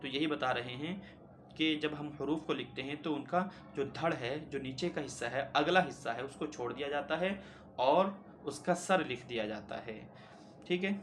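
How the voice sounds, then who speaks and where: A man's voice: mid-range voice, slight background noise. A male teacher explaining a beginner Quran reading lesson step by step, patiently repeating key points and answering his own questions.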